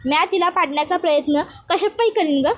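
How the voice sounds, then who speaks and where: A woman's voice: very high-pitched, a little fast. A woman voicing a proud elder mother-in-law who scolds defiantly in rustic dialect.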